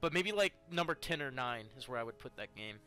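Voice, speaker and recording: A man's voice: medium pitch, expressive, a little fast, sharp tone. A man co-hosting a casual gaming chat, emphatic and playful. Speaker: co-host.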